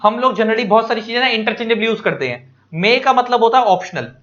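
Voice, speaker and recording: A man teaching law to exam students in a casual, animated lecture, repeating key points and mixing English terms into his talk. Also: very high voice, fast, dull audio. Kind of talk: informal exam-prep lecture.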